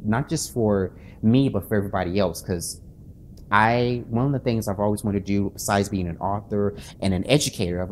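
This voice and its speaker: It's late, he can't sleep, and this author and channel host is nervously chatting to his viewers. His voice is lowish and darkish, with a little hiss or hum behind it, and he keeps stumbling into restarts and fillers in a self-conscious way.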